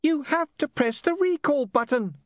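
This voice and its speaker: A shrill, fussy little imp. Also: male voice, expressive, moderate pace, no echo, clean studio sound. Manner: pedantic, rattles off fine print. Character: tiny fussy green imp in a gadget box.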